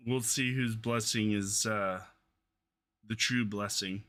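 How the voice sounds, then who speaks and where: A man playing his character in a tabletop game, deliberate and searching for his words. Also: on the low side, steady tone, sharp tone, faint music behind. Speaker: player. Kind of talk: in-character tabletop role-play.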